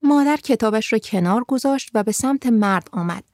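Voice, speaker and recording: A woman narrating a story in a calm, even reading voice. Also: fairly high pitch, dry recording, clean studio sound.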